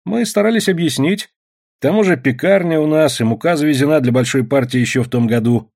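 A man's voice: fairly high pitch, brisk, a little mellow, pitched above the performer's own voice. A man voicing a young male mine manager who explains things plainly in an audiobook. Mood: explaining. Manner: matter-of-fact, explaining. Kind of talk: audiobook narration.

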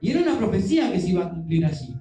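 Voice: mid-range voice, big pitch swings, very fast, mellow. A preacher, telling a Bible story in a sermon and acting out the voices of its people. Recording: very echoey room with music behind.

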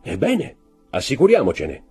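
A man's voice: mid-range voice, huge pitch swings, normal speed, dark tone, breathy edge, soft background music, voice pushed up, heavily acted. A man reading an audiobook, voicing a cold, imperious nobleman who gives commands. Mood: commanding.

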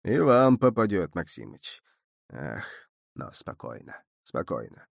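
A man voicing a calm, stern older village man who speaks low and steady, in an audiobook reading. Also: normal speed, no room sound, studio quality. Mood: wry. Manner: low, hushed, composed.

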